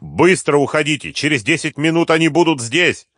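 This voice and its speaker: In an audiobook, a man voices a stubborn old caravan drover, firm, insistent and urgent. He pitches it a bit above his own voice, though it stays close to an everyday sound: medium pitch, expressive, fairly bright, at a moderate pace. The studio recording is clean with no echo.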